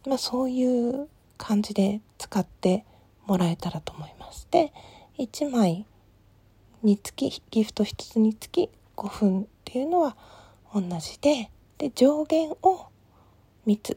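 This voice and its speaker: A woman host whispering softly through a calm late-night solo talk, with many small fillers. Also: mid-range voice, husky, no room sound. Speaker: podcast host.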